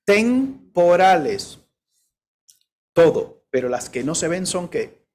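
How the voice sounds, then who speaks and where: Casting: male pastor, sermon delivery, emphatic, rhetorical questions to the congregation, fairly high voice. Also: normal speed, darkish tone. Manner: direct warnings to the listener.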